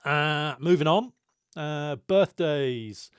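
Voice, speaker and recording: A man's voice: a little high, drawn-out words, clear, resonant tone, no echo, clean studio sound. A man with a British accent hosting a podcast in casual, conversational chat. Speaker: podcast host.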